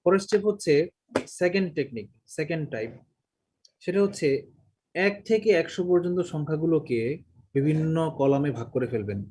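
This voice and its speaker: A middle-aged man teaching a math class, lively and questioning the students, mixing English terms into his Bengali. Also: fairly high pitch, brisk, pauses often, slightly rough. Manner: mixes English words and numbers into Bengali. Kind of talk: classroom lecture.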